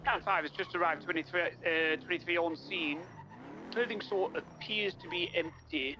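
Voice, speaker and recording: A man's voice: fairly high pitch, normal speed, highs cut off, background noise. A man playing a police officer, calling in clipped procedural reports over a walkie-talkie. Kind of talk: radio call-ins in police code.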